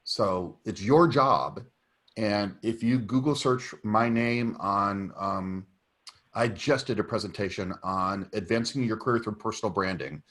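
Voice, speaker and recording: A man's voice: fairly low pitch, measured pace, a bit bright. A man speaking on a video call, giving emphatic career advice with many restarts. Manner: emphatic, advising, with fillers and restarts. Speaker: technical writer at a meetup. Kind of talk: casual video call discussion.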